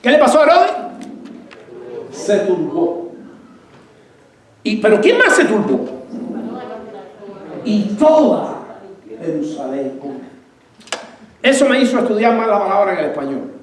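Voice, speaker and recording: A man preaching a sermon as pastor, asking his congregation questions and answering them himself, with lively bursts and laughs. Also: high-pitched, normal speed, pauses often, echoey room.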